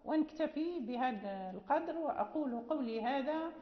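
A woman teaching recitation rules in a measured way, quizzing her students and reciting verse lines. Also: high-pitched, expressive. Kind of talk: recorded lesson on recitation rules. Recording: echoey hall, dull lo-fi sound.

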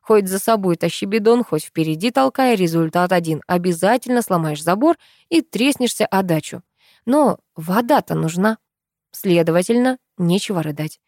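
A woman narrating an audiobook in a wry, expressive storytelling manner. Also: fairly low pitch, moderate pace, no room sound, studio quality. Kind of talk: audiobook narration with character voices.

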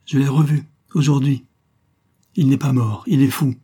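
A man's voice: medium pitch, fairly even intonation, moderate pace, warm tone, voice pushed up, close to an everyday voice. A man voicing a bitter young wife in an audiobook, speaking coldly and defiantly, breaking into angry outbursts. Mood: shaken.

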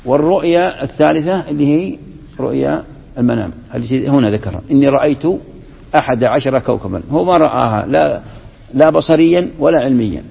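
A man's voice: mid-range voice, creaky, breathy edge. A man teaching a classroom lesson on scripture and grammar as a sheikh, explaining step by step and putting questions to his students. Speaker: sheikh teaching Quran commentary. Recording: dull lo-fi recording with long hall reverb.

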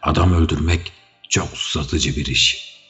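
A man's voice: very deep voice, steady tone, measured pace, a bit bright, in a large hall. A man voicing a wounded, battle-hardened barbarian king who speaks in terse growls. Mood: gruff. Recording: dull audio with faint music.

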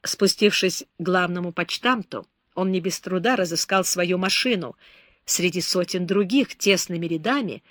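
A woman reading an audiobook novel in a steady, measured narration, close to a dry microphone. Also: fairly low pitch, no room sound.

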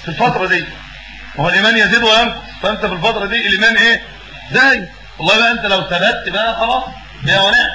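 Egyptian male preacher, high and rapid, answers his own questions and repeats words, echoey room. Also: noisy background. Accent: Egyptian Arabic. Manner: asks questions and fills in the answer himself. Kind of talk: religious lesson.

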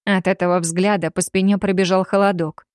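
A woman narrating an audiobook in a steady, measured voice at an ordinary pitch. The recording is dry and close, with no room sound around her. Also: no room sound.

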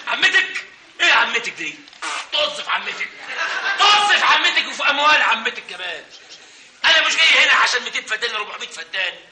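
A man's voice: extremely high pitch, big pitch swings, fast talker, noisy background. An actor playing a brash male chauffeur who claims to be a grand lawyer, boastful and mock-indignant, chuckling as he talks, in an old comic stage play. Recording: old stage recording, roomy, distant.

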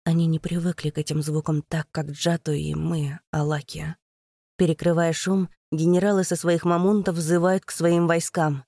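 A woman's voice: low-pitched, level tone, moderate pace, warm tone, dry recording. A woman narrating a first-person fantasy audiobook in a tense, dramatic reading.

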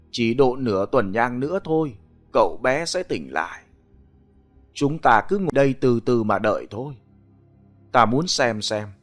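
A man voicing a calm, wise old monk who speaks slowly and kindly. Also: mid-range voice.

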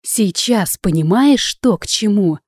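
A woman's voice: mid-range voice, animated, measured pace, dark tone, no echo, studio quality, pitched above the performer's own voice. A woman voicing a hissing reptilian gang boss. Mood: menacing. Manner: snarling, hissing threats. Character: cruel reptilian male gang leader, menacing.

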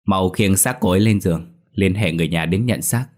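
A man voicing a composed male hospital doctor in a ghost story, giving brisk orders and measured condolences. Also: low voice, darkish tone. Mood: grave, measured.

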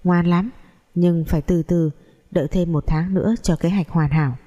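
A woman's voice: lowish voice, fairly even intonation, moderate pace, mellow, dull audio, natural voice. A woman voicing a scheming middle-aged mother who persuades a girl in a commanding tone.

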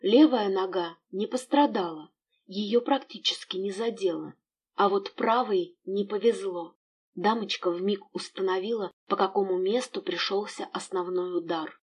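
A woman narrating an audiobook in an expressive storytelling manner. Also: mid-range voice, unhurried, husky.

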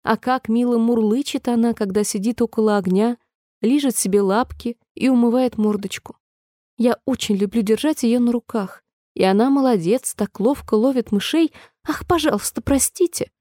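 A polite, chatty little girl with a raised, bright-pitched voice, eager and quick to apologise, as a woman puts her on in a storybook reading. The tone stays mellow, and the recording is close and dry. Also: no echo, lightly acted.

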